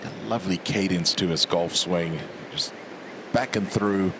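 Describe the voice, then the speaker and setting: A man giving live golf commentary as an analyst, in measured, short clipped phrases. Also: deep voice. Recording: outdoor broadcast with clear background noise.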